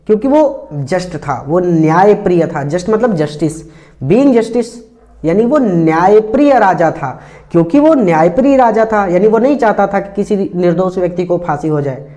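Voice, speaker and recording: A man teaching an English lesson, explaining each phrase slowly and repeating it in several ways. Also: high voice, animated, warm tone. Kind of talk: line-by-line Hindi explanation of an English text.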